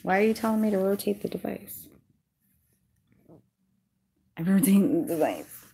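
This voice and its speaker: A Massachusetts woman with a Worcester accent hosts a YouTube live stream, chatting casually and bluntly and swearing freely. Her mid-range voice is expressive, quick, creaky and mellow, with a little hiss or hum in the audio.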